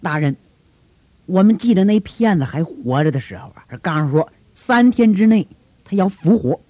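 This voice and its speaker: Man as a fawning priest, hushed and slow, husky. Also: lively intonation, no echo. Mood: wheedling. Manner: low, hushed, slow and wheedling. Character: fawning, scheming chief priest, older man.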